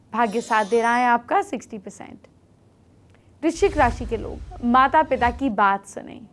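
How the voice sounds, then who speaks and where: A middle-aged woman hosting an astrology show, briskly giving horoscope remedies and speaking straight to viewers. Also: a little high, fairly bright tone. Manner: brisk, instructive, addresses viewers directly.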